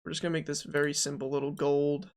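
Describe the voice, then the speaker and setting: Gravelly-voiced male game dev streamer. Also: a little high, flat delivery, fast, background noise. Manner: chatty, thinks aloud, reads and answers chat. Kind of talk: casual live-stream chat while modeling.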